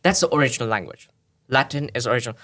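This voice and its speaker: This podcast guest from Tanzania talks in a racing, expressive, medium-pitched voice with a fairly bright tone. In a conversational interview he gives long, thoughtful explanations, often stopping to restart.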